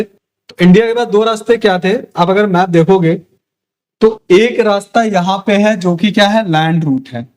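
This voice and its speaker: A young male teacher with a high voice, lecturing a class. He keeps asking questions and answering them himself, checking in often to make sure his students follow.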